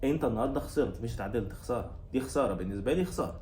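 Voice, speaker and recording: A man's voice: mid-range voice, lively intonation, racing, darkish tone, roomy sound, slight background noise. A man with an Egyptian Arabic accent hosting his own football channel, delivering a heated, sarcastic rant that repeats its complaints and scolds the coach. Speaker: football commentator and channel host. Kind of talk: angry fan rant about a match.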